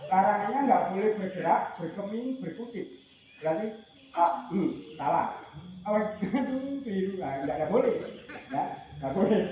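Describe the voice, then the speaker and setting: Facilitator, man, high voice, jokey, barking game commands, heard from a distance in a big echoey space. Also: slight background noise. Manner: shouted commands, joking and teasing. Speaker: outbound training facilitator. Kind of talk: leading group games outdoors. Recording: distant, roomy, muffled.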